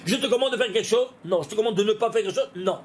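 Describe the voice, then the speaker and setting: A man teaching a Torah lesson as a rabbi, lively and questioning, talking straight to his listeners. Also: high voice, very fast, a little hiss or hum. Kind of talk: animated Torah lesson with gematria.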